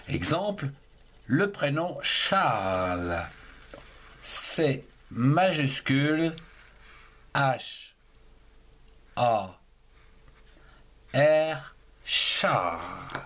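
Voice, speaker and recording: A man with a French accent teaching a handwriting lesson, spelling words out one letter and syllable at a time. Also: a little high.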